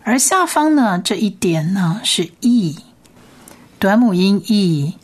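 A woman teaching a recorded language lesson in a patient way, repeating each sound slowly and carefully. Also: medium pitch, very animated, husky. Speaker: Hebrew teacher.

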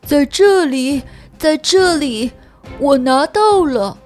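A woman's voice: high-pitched, animated, takes it slowly, a little mellow, soft background music. A woman playing an earnest, dutiful little fairyland soldier who explains things in a children's audio storybook. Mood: breathless excitement.

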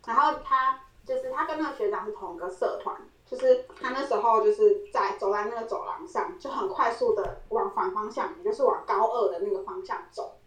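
A woman's voice: medium pitch, brisk, distant mic. A woman, co-hosting a podcast and telling a story in casual chat. She laughs often and acts out the quoted lines. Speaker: podcast co-host. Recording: roomy echo, voice set back from the mic.

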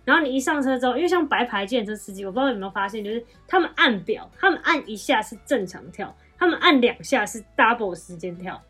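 Quick, higher-voiced woman co-host. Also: husky, soft background music. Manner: lively anecdote telling with quoted dialogue. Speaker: podcast co-host. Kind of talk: casual chat.

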